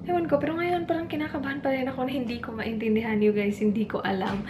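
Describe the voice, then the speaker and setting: A woman's voice: sits high, steady tone, fast, noisy background. A young Filipino woman with a Filipino accent, chatting casually in a home vlog and mixing English into her talk. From Philippines. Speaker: vlogger.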